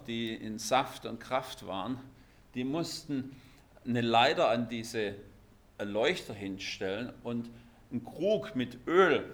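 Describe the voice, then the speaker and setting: Lively preacher man. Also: medium pitch. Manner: lively, emphatic, shifts between loud stresses and quiet asides. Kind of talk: sermon.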